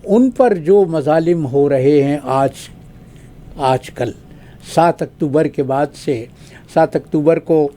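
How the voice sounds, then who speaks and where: An older man from Pakistan speaks as a guest analyst with a slightly high yet mellow voice. His talk is measured and formal, with long pauses and drawn-out fillers between his points. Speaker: guest analyst, retired diplomat. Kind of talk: formal spoken commentary.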